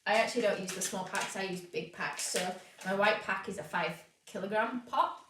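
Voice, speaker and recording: A cake decorator teaching a live stream from home chats casually as she explains each step, talking as she works with many fillers. Her medium-pitched voice is fairly quick and sniffly from hay fever. The recording sounds roomy and distant, with faint noise.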